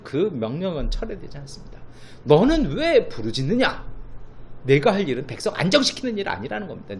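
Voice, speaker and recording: A middle-aged male pastor delivers a sermon in a fairly high, animated voice that swoops up and down. He breaks into loud, high bursts when he acts out voices. A faint hiss of background noise sits under the recording.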